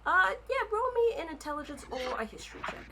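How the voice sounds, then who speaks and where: Lively woman game master. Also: extremely high pitch, fast, crowd noise, poor audio. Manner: casual, lots of fillers and restarts. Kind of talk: narrating a tabletop game.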